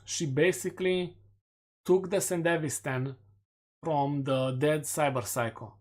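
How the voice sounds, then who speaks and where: The voice is a man's, a bit high and darkish in tone, delivered without hurry. He's a Romanian-accented streamer casually reviewing community poll results and teasing himself with jokes.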